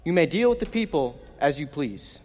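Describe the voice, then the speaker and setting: A man's voice: on the high side, sing-song, moderate pace, a little mellow. An actor playing a vain, proud king in an amateur stage play, speaking in a boastful, commanding way. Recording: long hall reverb.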